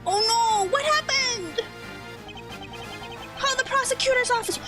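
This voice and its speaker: A woman's voice: very high-pitched, unhurried, pushed and bright. A woman streaming a game, chatting casually and reacting aloud in an exclamatory, giggly way. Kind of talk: casual gaming commentary. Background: faint game music.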